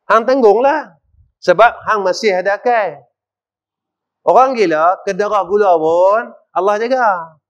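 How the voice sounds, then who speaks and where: A middle-aged man with a northern Malaysian accent giving a mosque lecture, asking the audience questions and swinging between loud and quiet. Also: high voice. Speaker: religious teacher. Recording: dull lo-fi recording.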